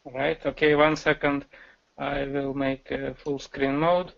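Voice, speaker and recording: A man, a research fellow, giving a webinar presentation over a video call, halting with fillers. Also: mid-range voice, flat delivery, vocal fry. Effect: heard over a video call. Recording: dull video-call audio.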